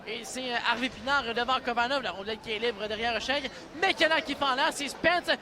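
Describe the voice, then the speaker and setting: A man with a Quebec French accent giving excited sports commentary as an ice hockey play-by-play announcer, urgent and ready to burst into shouts. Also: very high voice, brisk, noisy background. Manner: urgent calls that burst into shouts on shots and goals. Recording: loud arena crowd and music behind. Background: cheering crowd and arena music.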